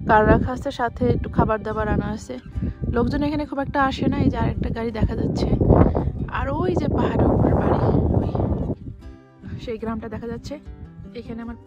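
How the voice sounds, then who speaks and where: A woman's voice: on the high side, fairly even intonation, a little fast, long pauses, highs cut off, loud music behind the voice. A woman from Bangladesh, a travel vlogger, chatting casually to camera from a clifftop by the sea, often repeating and restarting her words. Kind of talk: casual vlog talk to camera.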